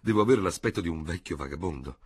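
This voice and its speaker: A man's voice: low-pitched, animated, fast talker, breathy edge. Man reading a hesitant, courteous old general. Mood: uneasy. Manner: hesitant, polite. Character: awkward, courteous middle-aged male general. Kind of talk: audiobook character voice.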